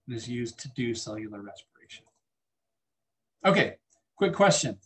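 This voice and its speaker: A man teaching a biology lecture in a classroom, chatting with the class and asking students questions. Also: medium pitch. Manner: conversational, asks the class questions.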